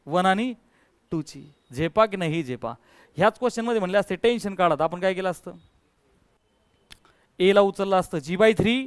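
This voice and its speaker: Coaxing physics teacher. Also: male voice, sits high, smooth, no room sound. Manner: coaxing, calls students to answer louder. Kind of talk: classroom lecture. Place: classroom.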